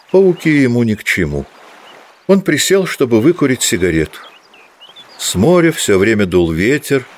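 A deep-voiced man reads scripted literary narration for an audio drama, in a measured storytelling manner.

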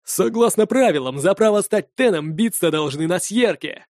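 A man's voice: high voice, animated, moderate pace, darkish tone, dry recording, voice pushed up. A scornful young viking warrior spits out his defiance in a raised, strained voice, performed by a male audiobook narrator. The delivery drips with insolence and contempt. The recording is dry and close. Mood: scornful defiant. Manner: sneering, scornful.

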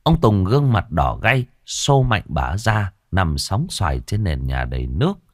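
Man narrating a dark story, dry close sound. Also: low-pitched, measured pace, dry recording. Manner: expressive, dramatic reading. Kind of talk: dramatic ghost-story narration.

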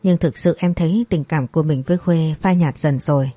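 A woman's voice: sits low, a little fast, dark tone, no echo. A woman voicing a troubled married man who talks in a plain, reassuring way.

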